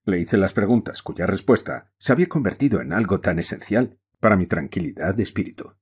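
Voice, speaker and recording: A man narrating an audiobook in an expressive storytelling manner. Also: deep voice, brisk, husky.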